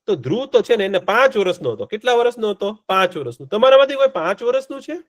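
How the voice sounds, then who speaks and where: A man tells a story to a class of children. His voice is fairly high and lively, and it rises and falls as he goes. He keeps stopping to ask the children questions. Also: fast. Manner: asks the children questions often.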